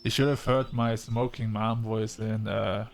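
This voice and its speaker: A man casually commenting while playing a story game, relaxed and joking. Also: fairly low pitch, slow, vocal fry, a little hiss or hum. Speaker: game streamer reading all parts. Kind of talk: casual let's-play commentary.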